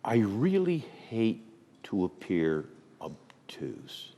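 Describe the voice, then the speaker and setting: Sketch interviewer: man playing a slow, husky, puzzled newsman, lively pitch, long reverb. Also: full character voice. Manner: baffled, slow follow-up questions. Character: puzzled earnest male news interviewer.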